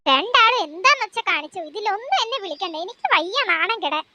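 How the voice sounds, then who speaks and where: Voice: extremely high pitch, animated, fast talker, bright, forceful tone, slight background noise, heavily acted. A young woman voicing a worried, exasperated middle-aged mother who nags her husband. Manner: fretful, exasperated, scolding.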